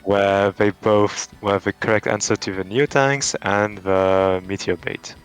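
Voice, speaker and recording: A man's voice: lowish voice, steady tone, a little slow, clean tone, faint music behind. A man with a French accent, answering interview questions in a casual, thoughtful way with frequent restarts and fillers. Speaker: tournament champion guest.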